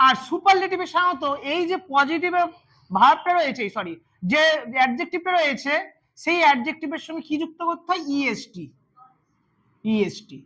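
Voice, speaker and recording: A man's voice: very high-pitched, bright, forceful tone. A man teaching English grammar to a class, repeating words and quizzing his students as he goes. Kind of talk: classroom lesson.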